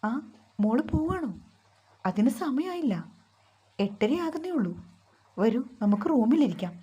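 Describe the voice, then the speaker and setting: A woman voicing a kind, fussing middle-aged mother in a storybook reading, speaking softly and affectionately. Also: a little high, big pitch swings, measured pace, breathy edge, lo-fi sound, exaggerated voice. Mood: tender.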